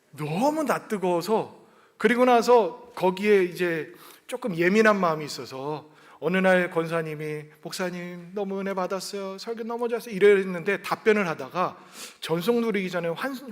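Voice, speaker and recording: A man's voice: sits high, long reverb tail. A male pastor giving a Sunday sermon in a conversational storytelling way, acting out little dialogues. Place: church sanctuary.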